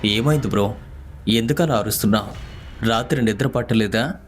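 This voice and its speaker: A man's voice: lowish voice, moderate pace, faint music behind, lightly acted. A man voicing a bewildered, easygoing young male coworker who talks casually. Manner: casual, says "bro".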